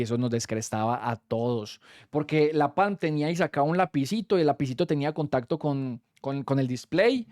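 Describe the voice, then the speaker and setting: A man's voice: a little high, a little mellow, dry recording, studio quality. A young Colombian man with a Colombian Spanish accent, telling a story in a casual, slangy way and swearing freely as a streamer.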